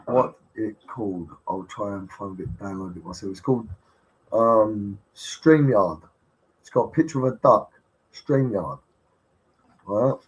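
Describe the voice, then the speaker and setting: A man's voice: lowish voice, slightly rough, low-quality recording. Swearing, pushy man on a livestream. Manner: blunt, heavy swearing, pushy and insistent. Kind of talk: casual live-stream rant.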